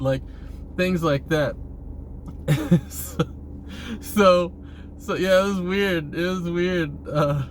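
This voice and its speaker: Against clear, vehicle-like background noise, a man vlogs about himself in a casual, rambling monologue, informal and profane, with occasional chuckles. His voice is high and a bit bright.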